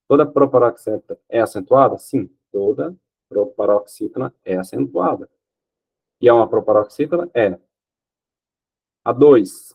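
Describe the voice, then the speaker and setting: Male grammar teacher, husky voice, middle pitch, explains one step at a time, keeps checking "ok?". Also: darkish tone. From Brazil. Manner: explains step by step, often checks with "ok?" and answers his own questions. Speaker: Portuguese teacher. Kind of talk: exam-prep grammar lesson.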